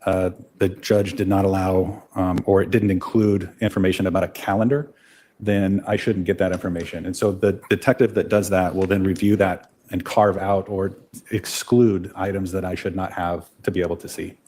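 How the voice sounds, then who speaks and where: Male witness, deep and even, matter-of-fact answers in court. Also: normal speed. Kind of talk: courtroom testimony. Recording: faint background noise.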